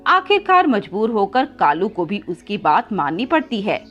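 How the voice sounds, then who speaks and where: A woman narrating a children's cartoon story in an expressive, scripted way. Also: medium pitch, unhurried, highs cut off, faint music behind.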